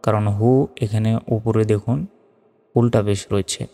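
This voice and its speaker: A man teaching Quran reading, spelling out the Arabic letters and vowel marks one by one and chanting each verse in a slow, drawn-out way. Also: on the low side, fairly even intonation, mellow. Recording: long reverb, faint music.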